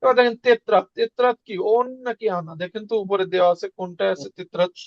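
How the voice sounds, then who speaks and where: Brief: male tutor, high voice, dry and slightly dull recording, casual lesson. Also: dry recording. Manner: conversational, repeats words slowly for learners. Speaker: Russian language teacher.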